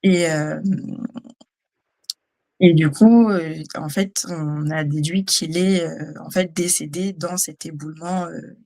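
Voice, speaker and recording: A woman's voice: deep voice, fairly even intonation, mellow. Hesitant woman recounting a therapy session. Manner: hesitant, halting, many fillers. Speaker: guest, trainee. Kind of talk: personal testimony.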